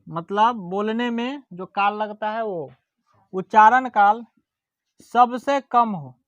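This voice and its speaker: A teacher giving a grammar lesson, dictating definitions slowly, repeating words and checking that students follow. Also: medium pitch, fairly bright tone, no echo, dull audio. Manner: slow and deliberate, repeats words and checks understanding; drawls vowels aloud as examples.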